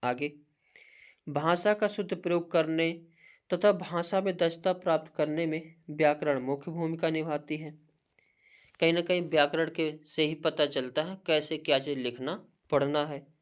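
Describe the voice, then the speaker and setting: A Hindi teacher giving an exam-prep lecture, reading points in a steady listing voice and often asking a question mid-sentence, then answering it herself. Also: medium pitch, a little slow.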